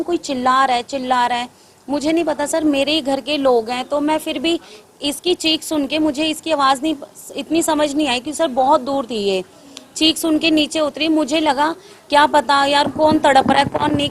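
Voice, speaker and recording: A woman giving an urgent eyewitness account to a news reporter, often addressing him as sir. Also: high-pitched. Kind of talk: news interview testimony.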